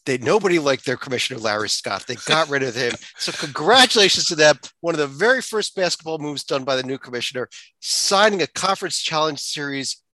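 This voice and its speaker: A man's voice: on the high side, animated, fairly quick, sharp tone, no echo. A man from the East Coast hosting a casual sports podcast, easygoing with plenty of fillers. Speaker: podcast host.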